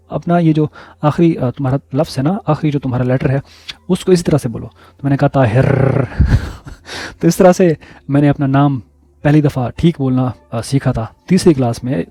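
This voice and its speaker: Mellow, slightly high male storyteller. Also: no echo. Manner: relaxed, repeating words for emphasis. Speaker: vlogger. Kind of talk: casual personal storytelling.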